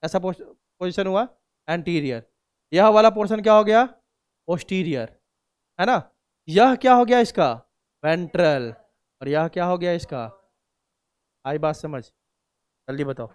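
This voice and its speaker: A man's voice: sits high, expressive, measured pace, long pauses, clean tone, dry recording, studio quality. A male biology teacher, lecturing a class in a conversational way, asking questions and answering them himself and often checking that students follow. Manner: asks and answers own questions; frequent checks like "samjhe".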